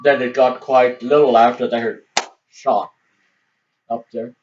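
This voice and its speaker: An older man, a grandfather, telling family history in halting oral storytelling, restarting and repeating words as he goes. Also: mid-range voice, flat delivery, noisy background. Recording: distant, dull lo-fi home recording.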